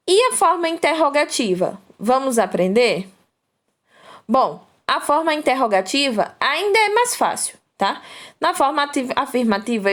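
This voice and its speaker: A Brazilian woman teaching in a recorded lesson, her voice sitting a little high. She speaks at an unhurried pace, spelling things out patiently and pausing to check that her students follow. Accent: Brazilian Portuguese. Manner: slow, patient explaining with frequent "tá?" checks. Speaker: English teacher.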